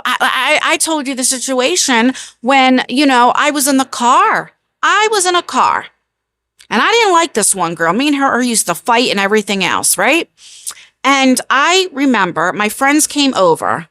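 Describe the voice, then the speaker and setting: A woman's voice: high-pitched, very animated, normal speed, sharp tone, no room sound, studio quality. An American woman telling a personal story as a casual storytime vlogger, chatty and emphatic, repeating phrases and checking in with the listener.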